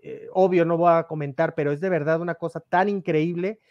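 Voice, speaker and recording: Brief: male podcast guest, animated storyteller, a little high voice, dry close mic. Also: a little fast, no room sound, dull audio. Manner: animated, acts out quoted dialogue. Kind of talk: casual storytelling.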